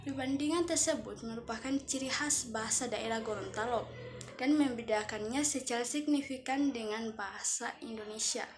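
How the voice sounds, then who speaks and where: A woman's voice: fairly high pitch, moderate pace, over music. A young woman student reading a class presentation from notes, stumbling and correcting herself now and then. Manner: reads from notes with self-corrections.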